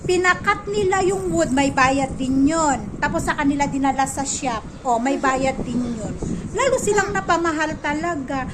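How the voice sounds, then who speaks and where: Woman vlogger rambling on at home, high voice, loud background noise, gossipy and chatty. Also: moderate pace. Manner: rambling, gossipy, repeats herself. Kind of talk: casual chatty storytelling. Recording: noisy home recording.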